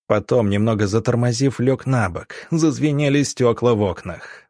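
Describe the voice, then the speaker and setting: A man narrating an audiobook with a dramatic, measured delivery. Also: medium pitch, a little mellow, no echo, clean studio sound.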